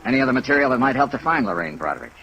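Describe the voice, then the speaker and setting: An actor playing a wry, hard-boiled American insurance investigator, clipped and laconic, in 1950s radio detective style. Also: male voice, mid-range voice, very animated, rapid-fire, gravelly, pushed and bright, highs cut off, exaggerated voice. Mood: probing, low-key. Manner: clipped, laconic, matter-of-fact. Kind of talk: 1950s radio detective acting, first-person narration. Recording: noisy vintage 1950s radio recording.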